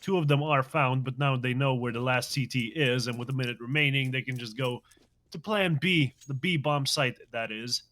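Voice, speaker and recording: Excitable male esports play-by-play caster. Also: medium pitch, normal speed. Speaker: esports commentator. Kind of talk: live play-by-play commentary.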